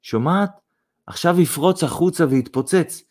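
A man voicing an earnest young man in love who speaks quietly and in earnest. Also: fairly high pitch, voice pushed up, lightly acted.

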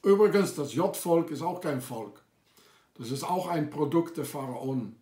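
Man, slow-talking, accusatory rant, hesitant fillers, echoey room. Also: a little high, expressive, mellow. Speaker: video maker. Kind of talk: ranting monologue to camera. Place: lives in France.

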